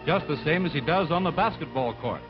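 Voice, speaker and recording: Formal and announcer-like, a man narrates sports from a script for an old 1940s newsreel, his voice on the high side, animated, and a little fast. Loud music plays underneath the dull, lo-fi film sound.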